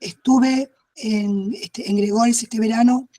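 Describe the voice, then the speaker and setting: A hoarse woman from Neuquén, a history teacher, introducing herself haltingly on a video call. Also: fairly high pitch, steady tone, warm tone. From Neuquén, Argentina. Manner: hesitant, many fillers and restarts. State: hoarse, losing her voice. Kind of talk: casual self-introduction.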